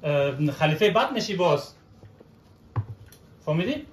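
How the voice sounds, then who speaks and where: A man, gently coaching his child through baking at home, checking in with short questions. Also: a little high, big pitch swings, a little hiss or hum. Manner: patient, coaxing, keeps checking with short questions. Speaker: father cooking with his child. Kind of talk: casual instructional chat with a child. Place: home kitchen. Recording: echoey kitchen room.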